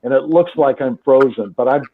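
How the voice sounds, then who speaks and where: A man who runs a restaurant, chatting casually over a video call. He talks haltingly with many pauses and restarts, and his audio is buzzy and glitchy, breaking up and freezing. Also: medium pitch. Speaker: restaurant owner joining a live chat by video call. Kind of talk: casual chat. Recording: tinny, noisy call line.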